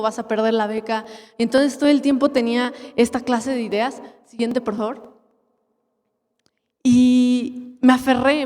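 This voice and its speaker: A woman's voice: a little high, darkish tone. A young woman with a Mexican accent giving a motivational conference talk, telling her story and acting out quoted dialogue. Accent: Mexican Spanish. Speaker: conference speaker. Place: large lecture hall. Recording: long hall reverb.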